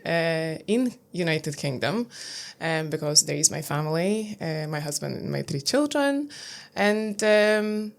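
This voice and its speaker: A woman in her thirties from Lithuania with a Lithuanian accent, speaking English as a second language in an interview, hesitant with many fillers. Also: mid-range voice. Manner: hesitant, many fillers, non-native grammar. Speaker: guest, pageant titleholder. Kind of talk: interview answers.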